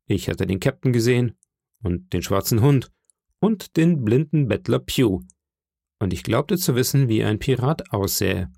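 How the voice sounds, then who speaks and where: Slow gravelly man narrating a story. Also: medium pitch, dry recording, studio quality. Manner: measured, expressive storytelling. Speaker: audiobook narrator. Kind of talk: scripted narration.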